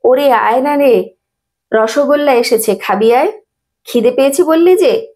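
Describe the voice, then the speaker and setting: A woman voicing an affectionate elderly holy man in a story reading, calling out fondly and excitedly in a raised, higher voice. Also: measured pace. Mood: excited, coaxing.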